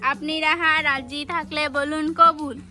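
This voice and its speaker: A woman voicing a solemn male wedding officiant who recites the marriage terms slowly and formally. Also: high voice, flat delivery, lightly acted. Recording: music playing underneath.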